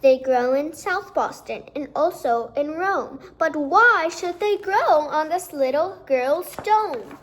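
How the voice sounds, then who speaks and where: Woman as a fussy, high-pitched school principal. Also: lively intonation, takes it slowly, hardly any pauses, a little hiss or hum. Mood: pondering. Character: wise, self-important male school principal, earnest and fussy.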